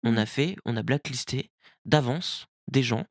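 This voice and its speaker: A man's voice: mid-range voice, measured pace, no echo. Hesitant man in a dry podcast chat. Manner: hesitant, many fillers and restarts. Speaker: event organizer on a podcast.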